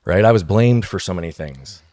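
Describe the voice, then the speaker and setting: A man with a very low, deep voice talks as a podcast guest. He tells his story with emphasis and keeps checking in with his listeners. The recording is dry and close, with no room sound. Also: animated, moderate pace, a little mellow, no room sound. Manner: emphatic, tags points with "right?". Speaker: guest speaker. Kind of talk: podcast interview, personal storytelling.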